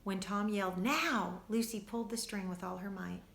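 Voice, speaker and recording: A woman teacher reading a storybook aloud to children, expressive and speaking to them directly. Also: mid-range voice, a little fast, gravelly, reverberant, a little hiss or hum.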